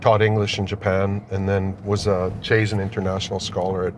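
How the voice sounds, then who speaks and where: Speaking low and brisk with a flat, somewhat dark delivery, this middle-aged executive chats through an interview in a car that's being driven. He was born in Austria and immigrated to Canada. The vehicle interior is noisy.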